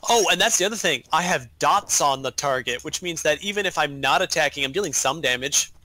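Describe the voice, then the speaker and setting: A man's voice: a little high, animated, a little fast, bright, forceful tone, dry recording. A man in casual gaming chat, ranting animatedly and swearing while explaining changes to his class.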